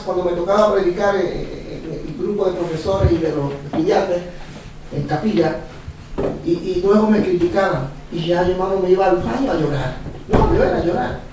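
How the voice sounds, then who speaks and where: A male pastor preaching a sermon, animated and repetitive, chuckling as he speaks. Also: sits high, normal speed, slight background noise. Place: church hall. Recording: echoey church from far off.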